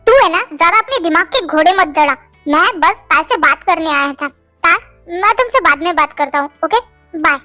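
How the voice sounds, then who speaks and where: A moody teenage boy who snaps, then begs forgiveness, as a woman puts him on. The voice sits very high and bright, pushed a little lower for the boy. It is a fan-dub drama voiced by one reader. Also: lively intonation, moderate pace, faint music behind, exaggerated voice. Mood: dismissive. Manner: curt, then pleading. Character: moody teenage boy, blunt and short-tempered.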